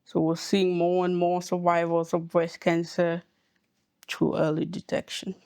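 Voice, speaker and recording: A woman from Cameroon, a hematologist oncologist, giving slow, measured explanations with pauses in a podcast interview. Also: lowish voice, completely flat delivery, a little mellow, smooth, no echo.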